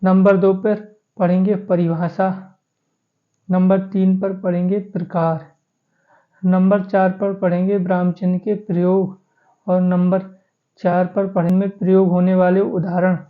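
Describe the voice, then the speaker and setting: Male grammar teacher, flat and slow, lists points by number, tinny phone-like recording. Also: high-pitched. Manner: steady, listing points by number. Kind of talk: exam-prep grammar lesson.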